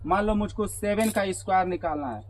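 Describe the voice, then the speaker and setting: High-voiced man teaching math to students. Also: a little fast, slight background noise, rough recording. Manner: asks the class questions and repeats their answers. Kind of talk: classroom math lesson. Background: students answering in chorus.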